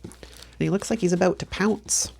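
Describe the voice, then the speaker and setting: Gravelly and slightly rough, her fairly low voice has a darkish tone and moderate pace. She is a planner vlogger in her fifties, sniffly with allergies, decorating a planner in a casual plan-with-me chat, frequently laughing and talking to herself.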